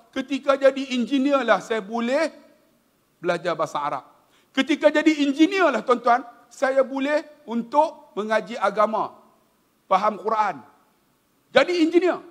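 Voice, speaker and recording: A middle-aged man with a Malaysian accent giving an animated, humorous religious talk. He keeps addressing the audience directly. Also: sits high. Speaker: religious lecturer. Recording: long hall reverb.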